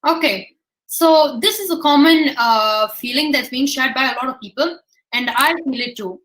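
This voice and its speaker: A woman's voice: high voice, moderate pace, fairly bright tone, rough recording. A woman speaking as a webinar guest, answering audience questions over a video call with encouraging advice. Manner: encouraging, gives advice in plain terms.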